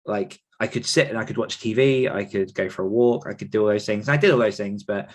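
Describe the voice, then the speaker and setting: A British man in his thirties with a lowish voice talks fast as a podcast guest. The interview is casual and conversational, and he comes across as chatty and full of anecdotes.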